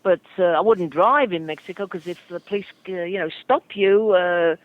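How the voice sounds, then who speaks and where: A man's voice: sits high, moderate pace, no room sound. An older man working as a travel agent, talking over the phone in a hesitant, flustered way with many fillers. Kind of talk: phone call. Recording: muffled dry phone line.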